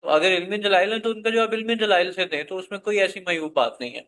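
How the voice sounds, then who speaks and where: A man moderating a live debate, pleading with a guest to stay civil. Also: high-pitched. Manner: pleading, calming, urging civility.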